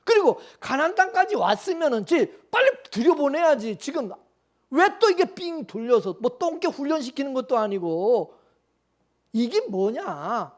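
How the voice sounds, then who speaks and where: A man's voice: very high-pitched, sing-song, normal speed, pitched above the performer's own voice. A man voicing a crowd of complaining ancient wanderers, whining indignantly. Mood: grumbling.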